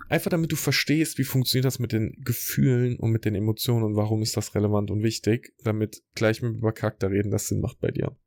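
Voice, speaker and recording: A man hosting a podcast, giving a motivational talk straight to the listener and slowing down for guided reflection exercises. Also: on the low side, a little mellow, dry recording. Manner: direct, coaching, addresses listener as du. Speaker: podcast host and speaker. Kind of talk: motivational talk, rehearsing a keynote.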